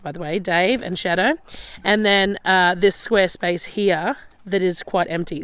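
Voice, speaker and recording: An Australian woman with a gravelly, slightly raspy voice chats casually as she walks around and shows her homestead. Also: on the low side, no room sound. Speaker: vlogger showing her homestead. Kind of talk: casual walk-and-talk chat. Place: outdoors by chicken pens on a rural property. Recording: outdoor farm noise, loud poultry. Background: roosters crowing, hens clucking, guinea fowl.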